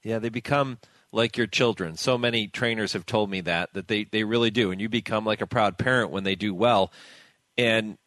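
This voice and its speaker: Male interviewer, steady, informative, dry close sound. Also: on the low side, normal speed, no room sound. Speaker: radio interviewer. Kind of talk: radio interview.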